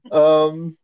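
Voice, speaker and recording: This teen boy's voice is very high and creaky as he co-hosts a laid-back podcast. He wanders from point to point, saying "like" a lot, and the sound is the muffled, dry quality of a phone call.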